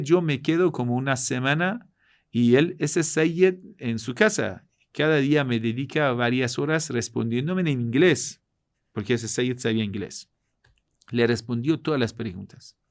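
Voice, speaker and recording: Man giving a lively religious lecture. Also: mid-range voice. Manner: lively storytelling, swings between loud emphasis and quiet asides. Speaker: Islamic cleric and teacher.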